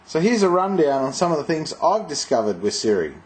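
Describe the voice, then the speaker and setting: A man's voice: fairly high pitch, sing-song, a little fast. A man narrating a casual demo of a phone, chatting to viewers and repeating commands to it. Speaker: video maker demonstrating a phone.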